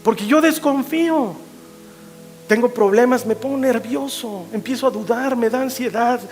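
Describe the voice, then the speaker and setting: Male pastor, bright high voice, expressive sermon delivery, soft music underneath. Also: moderate pace. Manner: expressive preaching, swinging from loud to hushed.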